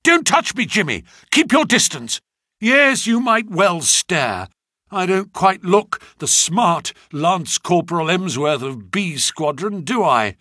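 A man's voice: high voice, animated, takes it slowly, pushed and bright, no echo, clean studio sound, pitched above the performer's own voice, exaggerated voice. A man reading aloud, voicing an agitated young soldier who urgently warns others to keep away.

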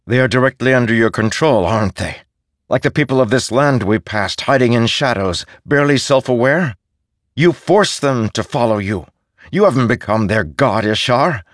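A man voices a defiant, weary young soldier, sounding earnest and firm in a lightly acted delivery. His mid-range voice, pitched above his own, is animated and a little slow, captured in a dry, studio-quality recording.

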